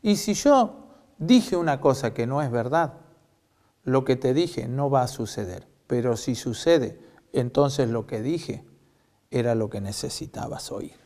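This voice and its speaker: A man with an Argentine accent voicing a solemn old prophet who speaks slowly and quietly in a gravelly tone. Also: expressive, lightly acted. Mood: solemn warning. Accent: Argentine Spanish. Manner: slow, low, measured warning.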